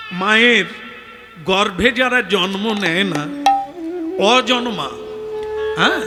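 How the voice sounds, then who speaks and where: A man who sings and preaches kirtan, telling a devotional story dramatically and addressing the audience directly. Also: extremely high pitch. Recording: long hall reverb with music.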